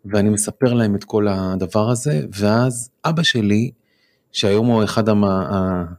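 A man in his forties, telling a personal story as a guest on a studio podcast, halting with many fillers and restarts. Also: on the low side, darkish tone. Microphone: studio microphone.

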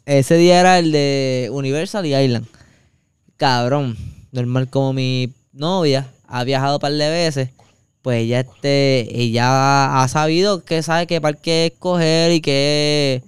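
A Puerto Rican man tells a meandering anecdote, his voice very smooth and resonant with a slightly raised pitch. He piles on fillers and crude slang as he goes. The sound is dry and close, with no room echo. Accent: Puerto Rican Spanish. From Puerto Rico. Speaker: podcast co-host. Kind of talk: casual chat, storytelling.

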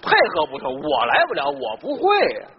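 A man performing a comic stage sketch, scolding and firing back quick exasperated retorts, recorded live with an audience. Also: very high-pitched, huge pitch swings, gravelly, highs cut off, a little hiss or hum. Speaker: comedian.

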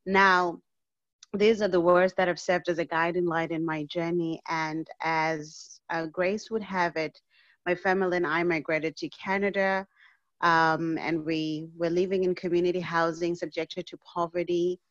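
A woman's voice: on the low side, flat delivery, measured pace, no echo, lo-fi sound. A woman from Zimbabwe, a physician and speaker, telling her life story as a podcast guest in an earnest, heartfelt way.

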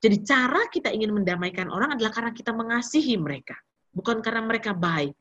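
A woman's voice: a little high, expressive, quick pace, a bit bright, lo-fi sound. A woman in her fifties giving a casual sermon to young people, telling personal stories and mixing slang with English words. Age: 50s. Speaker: preacher speaking to young people.

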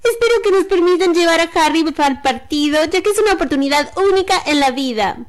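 A woman's voice: extremely high pitch, animated, fast talker, voice pushed up. A woman voicing a middle-aged witch mother reading out her letter in an eager, salesy tone. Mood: eager, cordial.

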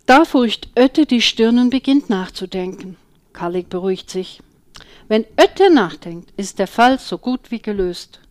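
A woman reading a children's story aloud with slow, expressive storytelling. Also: medium pitch. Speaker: audiobook reader.

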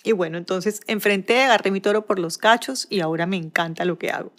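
Fast-talking Barranquilla woman coach. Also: medium pitch. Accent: Barranquilla Colombian. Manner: warm conversational, fast-talking, self-deprecating asides. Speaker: podcast host and coach. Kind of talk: solo podcast monologue.

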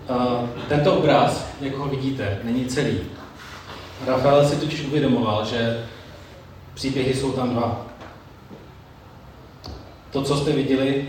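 Male preacher, measured sermon delivery, distant mic in a booming hall with a little ambience. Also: darkish tone, slight background noise. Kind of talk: sermon with Bible reading. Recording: very echoey room, mic far off, faint ambience.

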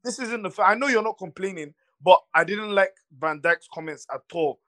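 A man's voice: high voice, a little fast, fairly bright tone. A young man co-hosting a casual football chat in a blunt, mocking, jokey way. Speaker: podcast co-host.

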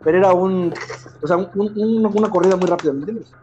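A man in his thirties with a Mexican Spanish accent tells a personal story in slangy, animated chat peppered with filler words. His voice is high-pitched and quick, and the audio is dull with a little hiss or hum.

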